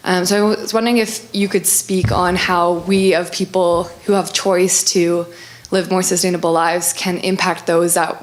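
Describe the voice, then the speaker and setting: A woman in the audience asking a panel an earnest, measured question in a lecture room. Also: lowish voice. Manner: earnest, measured, even-toned.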